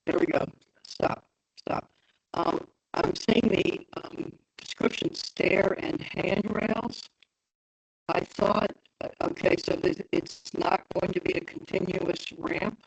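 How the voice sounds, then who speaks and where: A woman's voice: mid-range voice, steady tone, slow. A woman in a remote meeting whose call audio is garbled and breaking up. She asks questions and directs the slide view step by step. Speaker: meeting participant asking questions. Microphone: remote video call. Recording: garbled distant call line, raspy.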